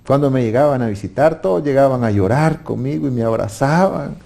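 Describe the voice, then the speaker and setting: In a medium-pitched, gravelly, warm voice, a man with a Salvadoran accent talks a little fast. He shares an earnest testimony of faith, at times hesitating and beginning his words again.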